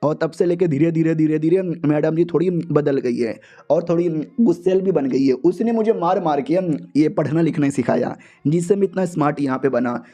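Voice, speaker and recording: A man's voice: on the high side, moderate pace, mellow. A man narrating a comic book recap in a slangy, chatty, joking way. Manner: slangy, chatty, laughs along. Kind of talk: casual comic storytelling.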